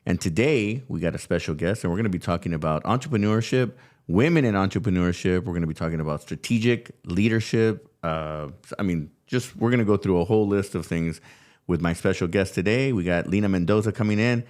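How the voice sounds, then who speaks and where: Male talk-show host from California, deep voice, casual and upbeat, rambling with restarts, studio recording. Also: a little fast, a little mellow. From California, USA. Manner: upbeat, loose, lots of fillers and restarts. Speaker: podcast host. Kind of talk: casual interview chat.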